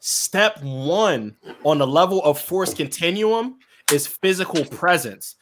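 A man's voice: a little high, animated, slow, fairly bright tone. A man in casual conversation, explaining emphatically and stammering at the start of his points. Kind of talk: casual chat.

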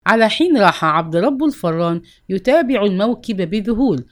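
A woman reads a literary novel aloud at a measured storytelling pace. Her pitch sits in the middle of the female range but moves a great deal, rising and falling as she takes on each character's lines in turn. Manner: expressive, voices dialogue within narration. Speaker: audiobook narrator.

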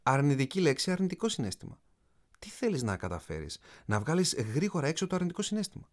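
A man's voice: a little high, big pitch swings. A man, an author and coach, narrating a self-help audiobook in an emphatic way, speaking straight to the listener. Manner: emphatic, addresses the listener directly.

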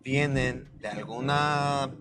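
A young Mexican man with a Mexican accent hosts a podcast, chatting casually in a rambling, slangy style packed with fillers. His voice is medium-pitched and slow, with guitar music playing in the background.

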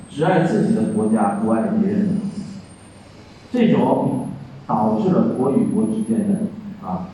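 A man's voice: mid-range voice, warm tone. Man lecturing in an echoey room. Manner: explains patiently, asks rhetorical questions, acts out story voices. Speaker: philosophy teacher. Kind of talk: classroom lecture. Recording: echoey room from far off, faint noise.

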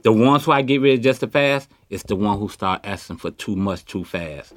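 Lowish and lively, the voice belongs to a Chicago man in his fifties who talks himself up in street slang during a candid street interview. He speaks at a moderate pace into a handheld mic, and the studio-quality audio carries no room sound.

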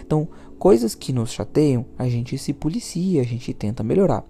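A man with a Brazilian accent, hosting a podcast and telling a personal story in a lively way, repeating words for emphasis. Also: mid-range voice, normal speed, gravelly, faint music behind. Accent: Brazilian Portuguese. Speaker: podcast host.

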